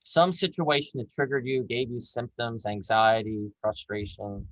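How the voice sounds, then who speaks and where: A man presenting as an executive coach on a webinar, talking earnestly and slowing down to act out example phrases. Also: medium pitch, fairly even intonation, no echo, dull audio. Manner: earnest, slows down and acts out example voices.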